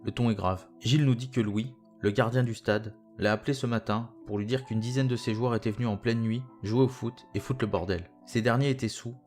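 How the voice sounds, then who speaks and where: A young man calmly narrating a first-person story in a steady, scripted way. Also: medium pitch, a little fast, hardly any pauses. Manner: calm, even storytelling in present tense. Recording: faint guitar music behind. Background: faint guitar music.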